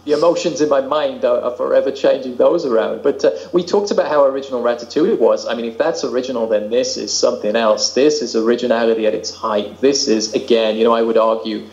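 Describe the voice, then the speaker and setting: A man's voice: medium pitch, quick pace, few pauses, darkish tone. Man on roomy, dull lo-fi audio. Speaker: podcast co-host. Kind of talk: casual chat.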